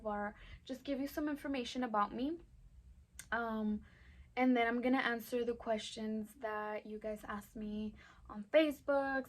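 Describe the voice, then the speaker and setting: A woman in her twenties with an El Paso Texan accent, talking casually to camera in a Q&A, with lots of "um"s and "like"s. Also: a little high. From Texas, USA. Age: 20s. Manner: chatty, many "um"s and "like"s. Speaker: vlogger.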